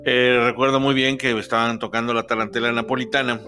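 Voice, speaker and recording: Bright-voiced Mexican man telling a story. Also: mid-range voice, a little fast, faint music behind. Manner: relaxed, chatty, with frequent hesitations and fillers. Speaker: podcast storyteller. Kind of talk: first-person travel anecdote.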